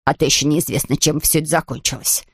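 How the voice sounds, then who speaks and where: A woman's voice: sits low, steady tone, fast talker, husky, no echo, clean studio sound, pitched below the performer's own voice. A woman voicing a grumbling older female housekeeper in a storybook reading. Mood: approving.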